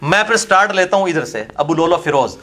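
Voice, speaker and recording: This interview guest's voice sits a little high and sounds animated and somewhat bright. In a heated religious debate, he presses his point with contempt, throwing out barbed rhetorical questions.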